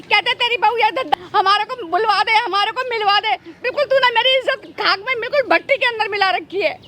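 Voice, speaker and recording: A woman's voice: extremely high pitch, brisk, noisy background. A woman playing a scolding old mother-in-law. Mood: indignant. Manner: scolding, reproachful. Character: aggrieved elderly mother-in-law, stubborn and indignant. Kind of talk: staged family quarrel skit.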